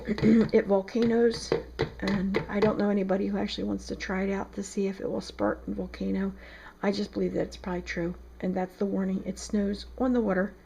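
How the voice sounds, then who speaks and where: In this clip a soap maker walks through a recipe in her home kitchen on the second floor, talking casually and saying um a lot. She has a South Jersey accent and a medium-pitched, creaky voice, with background noise behind her.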